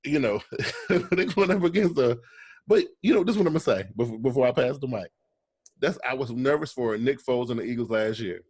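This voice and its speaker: A man's voice: medium pitch, darkish tone, no echo. A man co-hosting a casual sports podcast, talking in long runs and often checking in with "right?".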